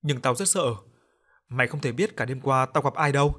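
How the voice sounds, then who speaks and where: A man's voice: mid-range voice, brisk, fairly bright tone, natural voice. A man voicing a tearful, frightened young mother. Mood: fearful. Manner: tearful pleading.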